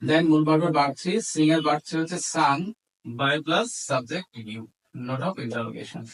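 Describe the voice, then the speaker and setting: In a slow, poorly recorded clip, a man with a Bangladeshi accent and a somewhat high voice teaches grammar. He works through it step by step, dictating in short chunks and moving between Bengali and English terms.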